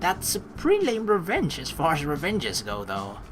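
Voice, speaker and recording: With a low voice and wildly swooping pitch at normal speed, a young woman runs a let's play, mixing slangy, teasing remarks with reading the game's narration out loud. Faint game music plays in the background.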